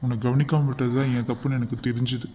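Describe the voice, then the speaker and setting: A man's voice: mid-range voice, level tone, fast, dark tone, highs cut off, a little hiss or hum, natural voice. Man voicing a firm, forgiving young husband. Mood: reassuring. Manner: firm, reassuring. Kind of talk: amateur cartoon voice acting.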